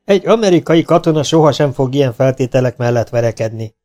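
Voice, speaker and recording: A man's voice: medium pitch, lively intonation, mellow, lightly acted. A man voicing a fearless, gray-haired army colonel who speaks bluntly and sternly.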